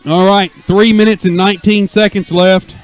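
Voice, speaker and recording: A man doing folksy live American football radio play-by-play, with excited, drawn-out touchdown calls. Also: sits high. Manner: folksy exclamations and asides. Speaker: play-by-play sports announcer.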